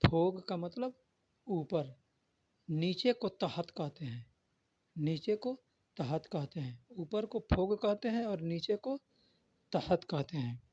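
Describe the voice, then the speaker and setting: Man, language teacher, slow and repetitive, dry close sound. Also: high voice, sing-song, dark tone, husky, no echo. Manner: repeats each word and meaning patiently. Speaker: Arabic vocabulary teacher. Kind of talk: spoken language lesson. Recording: dull, lo-fi dry recording.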